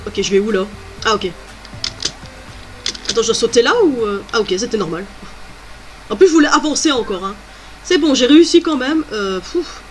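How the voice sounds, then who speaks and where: A woman's voice: on the high side, noisy background. A woman doing let's play commentary, chatty and exclamatory, thinking aloud as she plays. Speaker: gamer.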